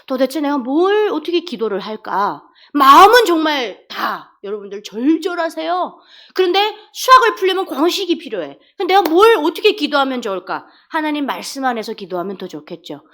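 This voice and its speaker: A woman's voice: high-pitched, very animated, fairly quick, pushed and bright. A woman from Korea, speaking, preaches a sermon as a deaconess. She tells stories, acts out dialogues and asks the congregation questions. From North Korea.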